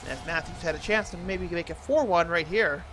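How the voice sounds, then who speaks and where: A man doing an announcer-style play-by-play commentary of a hockey video game, excitable on big plays. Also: high-pitched, normal speed, slight background noise.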